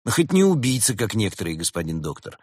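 A man's voice: on the low side, very animated, quick pace, dry recording, clean studio sound, pitched above the performer's own voice. A man voicing a scheming male badger businessman in a read-aloud fairy tale, sly and wheedling.

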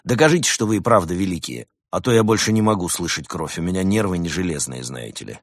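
A man's voice: deep voice, lively intonation, quick pace, dry recording, studio quality. A man voicing a nervous, chatty tomcat who complains about hearing things. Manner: jittery, complaining.

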